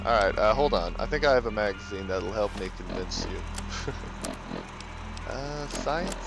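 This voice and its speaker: A man's voice: lowish voice, expressive, measured pace, gravelly. A man doing let's play commentary, joking and teasing the game's characters and talking over them. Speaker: gaming video host. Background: game music.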